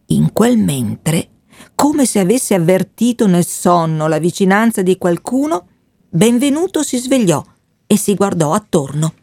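A woman reading a novel aloud in a calm, measured way. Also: medium pitch, husky, dry recording. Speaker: reader. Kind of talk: audiobook reading.

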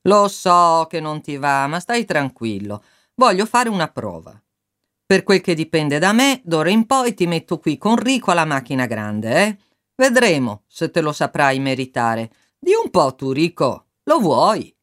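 A coarse fifty-year-old factory boss, as a narrator puts him on, sneering and bullying his young worker in a storybook reading. He talks with broad teasing scorn, his voice rising high and swinging widely as he jeers. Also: sing-song, measured pace, fairly bright tone. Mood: mocking. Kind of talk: audiobook character reading.

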